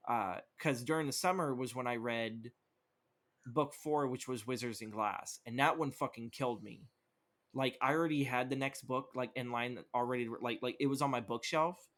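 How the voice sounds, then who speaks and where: A young man talks casually on a podcast, rambling from one thought to the next and swearing freely. His voice sits at an ordinary middle pitch. He leans heavily on fillers and quick restarts. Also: fairly bright tone. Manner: rambling, profane, lots of fillers. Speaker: podcast co-host. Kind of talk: casual chat.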